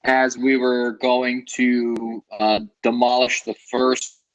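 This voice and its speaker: A man's voice: mid-range voice, flat delivery, takes it slowly, faint music behind, rough recording. A man who is the applicant, speaking hesitantly to a town board over a video call, his audio choppy and cutting in and out. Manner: hesitant, many fillers. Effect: choppy audio, speech cutting in and out. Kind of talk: presenting a case to a town board.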